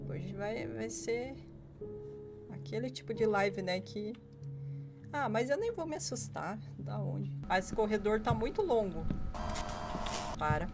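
A woman's voice: medium pitch, animated, a little slow, pauses often, music in the background. A woman with a Brazilian Portuguese accent giving live commentary on a horror game, jumpy, with shrieks and nervous self-talk. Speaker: streamer. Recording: game sounds behind her voice.

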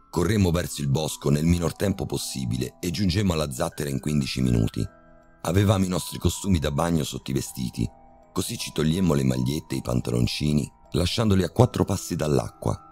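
Male horror narrator, very low and mellow, steady scripted delivery. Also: gravelly. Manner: measured, steady storytelling.

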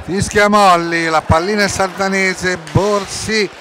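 An Italian man giving excitable live sports commentary, shouting and stretching players' names, recorded in a noisy sports hall. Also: high voice, unhurried. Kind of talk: live roller hockey match commentary. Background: crowd and rink noise.

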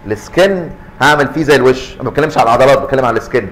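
Fast-talking Egyptian lecturer, animated man. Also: medium pitch, rough recording. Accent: Egyptian Arabic. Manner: animated, keeps quizzing students and acting out little scenes. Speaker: university physiology lecturer. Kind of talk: lively medical lecture to students. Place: lecture hall.

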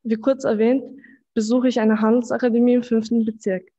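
A young woman of eighteen reads her prepared statement at a podium microphone in a conference room. Her voice is somewhat high but mellow and soft, and she keeps it flat and even. The recording sounds a little dull. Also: a little fast. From Austria. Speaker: student speaker at a press conference.

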